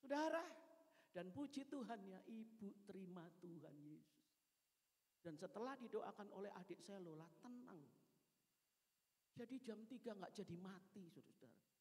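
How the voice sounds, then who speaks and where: A woman preaching a sermon in a church, telling a story animatedly and acting out the dialogue with sudden loud exclamations. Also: medium pitch, expressive, normal speed, long pauses. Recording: reverberant church hall.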